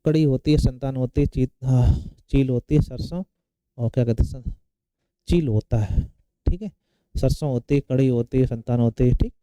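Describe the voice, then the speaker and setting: A man's voice: medium pitch, moderate pace, warm tone, smooth, dry recording, rough recording. A man teaching grammar for an exam, asking questions and answering them himself, repeating the key terms. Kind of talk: exam-prep lecture.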